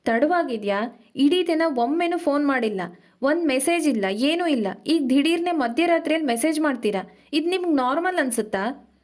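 A woman's voice: on the high side, dark tone, natural voice. A woman voicing an emotional young woman, hurt and close to tears, in an audio story. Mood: upset. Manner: quick, pleading, tearful edge.

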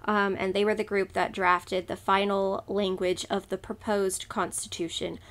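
A woman's voice: medium pitch, flat delivery, normal speed, a bit bright. A woman co-hosting a podcast, talking casually with lots of fillers as she explains history from her notes. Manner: rambling, filler-heavy, breezy. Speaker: podcast co-host. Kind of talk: casual chat.

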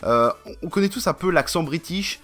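A man's voice: on the high side, expressive, a little fast, fairly bright tone. A man from France chatting casually to camera in a vlog, rambling and slangy, with many fillers. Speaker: vlogger.

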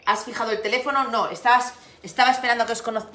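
Rapid-fire, pushed and bright, with a fairly high pitch and steady tone, a middle-aged Spanish woman runs a relaxed craft livestream from home. She laughs, chats and welcomes viewers by name. The room has a window and echoes, and she's recorded by a device camera on her desk.

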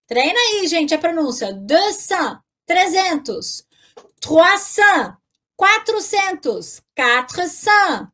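High-voiced, unhurried woman teaching French. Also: big pitch swings, bright, forceful tone. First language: Portuguese. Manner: cheerful, checks in often with "tá bom, gente?"; slow, drawn-out modeling of numbers. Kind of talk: online language lesson.

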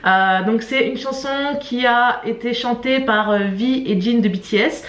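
Talking to camera from a small room at home, this YouTube vlogger has a slightly high voice and speaks at normal speed. She's a young adult, informal and expressive, leaning on emphatic repetition, and the room gives her audio a noticeable echo.

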